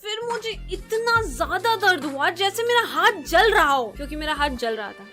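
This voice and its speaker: A young woman narrating funny childhood mishaps in a sarcastic, self-mocking, expressive way for an animated video. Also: extremely high pitch, normal speed, over loud music. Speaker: animated storyteller. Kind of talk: comedic storytelling narration.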